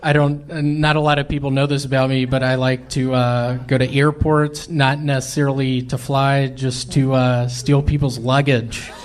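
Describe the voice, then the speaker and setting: A male stand-up comedian from Memphis, telling absurd jokes in a halting, deadpan way with many pauses. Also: medium pitch. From Memphis, Tennessee.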